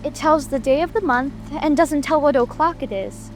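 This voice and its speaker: A woman's voice: high voice, normal speed, faint music behind, lightly acted. A woman playing a polite, curious and thoughtful little girl in a dramatic audiobook. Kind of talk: full-cast dramatic audiobook reading.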